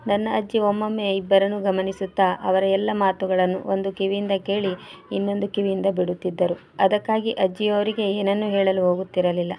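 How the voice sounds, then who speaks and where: A grieving transgender woman pours out her past in a storybook reading, as a woman narrator voices her. Her plaintive words come in a flat, mellow voice. The delivery stays steady and sorrowful. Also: medium pitch, brisk, gravelly, slight background noise, lightly acted.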